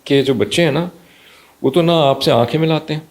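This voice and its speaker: Doctor guy, gravelly voice, animated, throws in english bits. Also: a little high. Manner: animated, slips into Punjabi and English phrases. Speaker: pediatrician guest. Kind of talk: conversational explanation.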